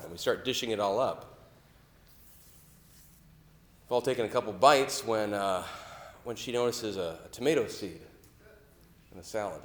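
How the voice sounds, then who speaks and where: A man's voice: lowish voice, roomy sound. A middle-aged man telling a story in a sermon, talking conversationally and asking the listeners questions. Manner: conversational, asks the listeners questions, grows loud when quoting anger. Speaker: preacher.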